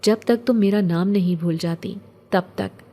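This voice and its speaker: A woman voicing an ancient, gentle male jinn who speaks in a calm, poetic, consoling way. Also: mid-range voice, natural voice. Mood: calm, tender.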